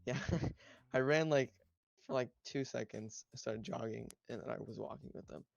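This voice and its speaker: A man's voice: medium pitch, normal speed, gravelly, muffled recording. A teenage boy co-hosting a podcast, telling a laid-back, mumbly story in casual chat. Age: teens. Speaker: podcast co-host.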